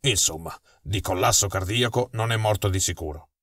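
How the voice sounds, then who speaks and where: A man voicing an agitated, irritable police inspector in an audiobook mystery, exclaiming in a lowered voice. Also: normal speed, a bit bright, no room sound, clean studio sound. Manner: flustered, exclaiming. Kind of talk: audiobook dialogue.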